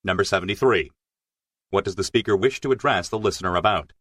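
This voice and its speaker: A man reading scripted exam narration as a test narrator, in a formal, measured way. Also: low voice, fairly bright tone, no echo, clean studio sound.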